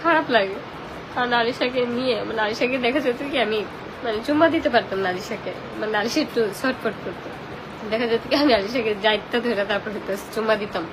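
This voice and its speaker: A young woman talks very quickly through snotty, tearful crying. Her voice sits fairly high as she shares personal feelings in a casual live chat. There is clear background noise behind her. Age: young adult. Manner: emotional, tearful, snotty crying while talking. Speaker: social media live streamer reading and answering viewers' comments.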